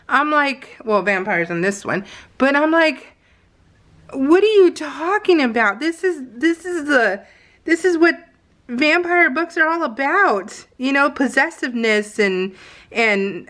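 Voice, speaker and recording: Talking over her craft footage, this middle-aged vlogger has a fairly bright, mid-range voice. Her chatter is casual, gushing, and slangy, packed with anecdotes and exclamations.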